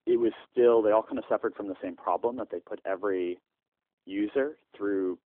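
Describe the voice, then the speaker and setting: A man speaks in a very low voice over a landline phone, and the line sounds thin and tinny. The sound is dry and close. He answers in a halting way, with many "uh" fillers and restarts. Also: no room sound. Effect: heard over a landline phone. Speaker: startup founder interviewed by phone.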